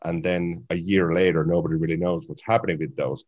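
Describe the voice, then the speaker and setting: A man's voice: low voice, fairly even intonation, a little fast, a little mellow, muffled recording. A man hosting a tech interview, reflecting aloud and then asking practical follow-up questions.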